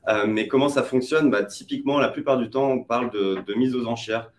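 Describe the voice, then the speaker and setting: A man's voice: mid-range voice, fairly quick. A man, an advertising expert, explaining online advertising in a webinar, hesitant with many fillers and restarts. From France.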